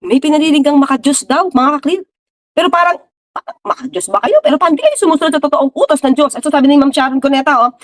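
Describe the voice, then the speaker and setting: A woman giving casual political commentary, talking straight to her viewers with rhetorical questions and English mixed in. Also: high-pitched. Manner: mixes English into her talk.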